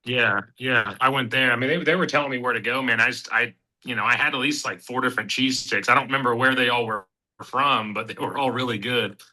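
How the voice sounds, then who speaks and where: A bare-knuckle fighter in his thirties from Kansas City chats casually as an interview guest, rambling with fillers and restarts. His mid-range voice is a little fast and sharp, and the audio is poor.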